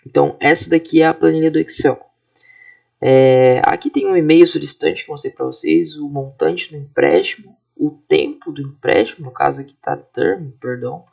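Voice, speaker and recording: A man in his twenties from Brazil, a student walking through his software project in a casual, explanatory way, often checking in with his listeners. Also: a little high, creaky. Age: 20s. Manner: casual, explanatory, frequent fillers and tag questions. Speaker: student presenting a class project. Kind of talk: screen-recorded software walkthrough.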